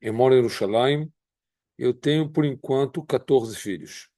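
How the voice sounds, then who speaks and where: Rio-accent guy in his 50s, mid-pitched, slow earnest talking, lots of pauses, dry room. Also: mellow, no echo. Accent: Carioca Brazilian Portuguese. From Brazil. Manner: measured, earnest, pauses often between phrases. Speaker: rabbi. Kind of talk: personal testimony.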